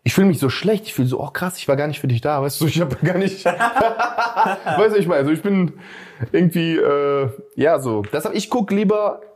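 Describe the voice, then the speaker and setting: A man's voice: on the high side, expressive, normal speed. Man ranting heatedly on a podcast. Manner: heated ranting, keeps saying "Bruder". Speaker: podcast co-host. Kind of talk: casual podcast chat.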